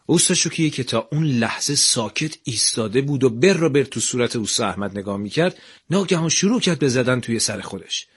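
A man narrating a scripted radio story in an even, measured way. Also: medium pitch, husky.

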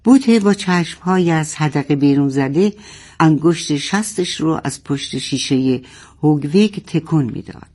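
A woman's voice: low voice, a little mellow. A woman reading a children's story aloud expressively and speaking fondly to her young listeners.

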